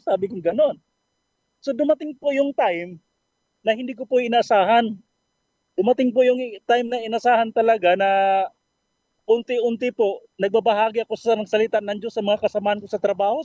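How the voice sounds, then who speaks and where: An earnest man sharing his faith story on a radio program, polite and full of fillers and restarts. His voice sits high for a man, and the dry, dull recording sounds muffled. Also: darkish tone, no room sound. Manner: earnest, polite, with frequent fillers and self-corrections. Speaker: caller sharing a testimony.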